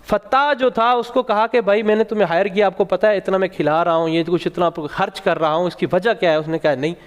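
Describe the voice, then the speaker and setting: A man tells a religious tale in a high, ringing voice, lifting his pitch on the key moments. His words trail into a long hall reverb. He sounds like a studio preacher setting out a story for viewers. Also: steady tone, clean tone. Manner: emphatic, rising for key points. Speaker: religious speaker on a Ramzan show. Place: TV studio set.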